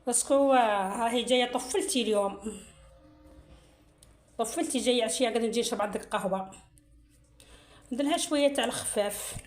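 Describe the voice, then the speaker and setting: A middle-aged Algerian woman talks her viewers through a recipe in a casual, chatty way, looping back over the same phrases as she works. Her voice sits a little high, and it echoes around a roomy home kitchen. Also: fast talker, long pauses, slight background noise. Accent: Algerian Arabic. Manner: chatty, repeats phrases, keeps addressing the viewers as "girls". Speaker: cooking channel host. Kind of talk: casual cooking tutorial. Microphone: phone camera, filming herself. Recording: roomy echo.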